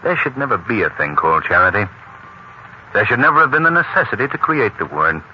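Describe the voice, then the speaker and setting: An actor playing a kindly, self-assured gentleman hero of an old radio mystery, speaking in a gently commanding way. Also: fairly low pitch, sing-song, brisk, lo-fi sound. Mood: genial. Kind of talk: 1930s radio acting. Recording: scratchy old radio recording.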